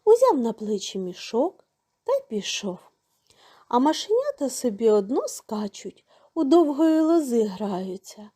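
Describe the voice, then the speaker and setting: A high, mellow woman's voice reads a folk tale for children. She takes it slowly, and her pitch rises and falls widely in a singsong way. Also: very animated. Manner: slow, singsong reading for children. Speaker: storyteller. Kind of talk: storybook narration.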